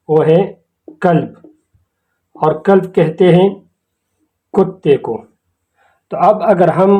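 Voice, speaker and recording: A man teaching Quran recitation in a slow, patient lesson, repeating key words and phrases. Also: on the high side, dark tone. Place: academy channel video lesson.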